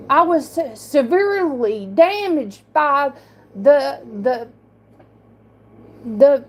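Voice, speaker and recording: A woman livestreaming an emotional monologue. She speaks defensively and haltingly, with a slight speech impediment, repeating and restarting words. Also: high voice.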